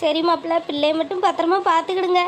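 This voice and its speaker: A woman voicing a worried, tearful older village mother in an animated family drama, speaking. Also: extremely high pitch, fast. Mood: anxious pleading. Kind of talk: cartoon voice acting. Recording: faint ambient noise.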